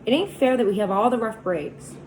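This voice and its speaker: A woman voicing a touchy, bitter teenage boy, speaking louder and higher than her narration. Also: steady tone, moderate pace, slight background noise, lightly acted, low-quality recording. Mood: bitter outburst. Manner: passionate, raised voice.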